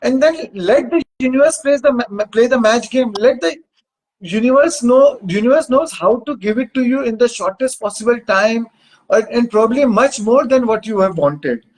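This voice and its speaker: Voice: mid-range voice, expressive, normal speed, low-quality recording. A spiritual coach with an Indian accent, teaching in an emphatic, repetitive way with rhetorical questions.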